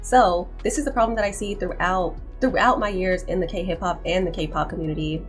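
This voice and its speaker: Emphatic young woman, lowish voice. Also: fairly even intonation, a little fast, faint music behind. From United States. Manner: emphatic, insistent, repeats herself for stress. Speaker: commentary channel host. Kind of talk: opinion commentary to camera.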